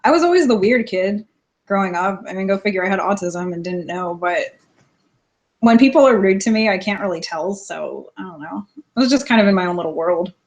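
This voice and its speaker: A woman's voice: medium pitch, animated, a little fast. A young woman hosting a casual live stream, reading viewer questions and answering in a plain-spoken way, often laughing.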